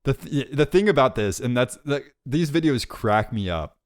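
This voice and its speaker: A man's voice: mid-range voice, expressive, normal speed. A man co-hosting a podcast, chatting casually and teasing his co-host in joking banter.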